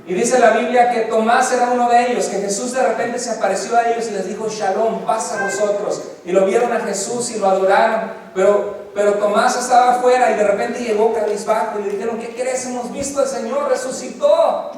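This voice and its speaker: A man's voice: sits high, a little mellow. A man pastor preaching a fervent Sunday sermon, building emphasis through repeated phrases, in a church sanctuary. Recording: echoey church hall, distant mic, faint noise.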